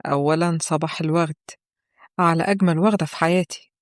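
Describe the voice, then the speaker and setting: A woman's voice: low voice, steady tone, fast talker, no room sound, clean studio sound, close to an everyday voice. A woman with an Egyptian accent voicing a playful young man who is eager to marry, in a told story. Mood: teasing. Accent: Egyptian Arabic. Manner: playful, teasing.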